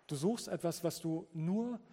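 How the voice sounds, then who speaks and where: A man with a fairly high, warm voice and a breathy edge preaches earnestly at a measured pace. He reads quoted scripture aloud, and a large hall lends a long reverb.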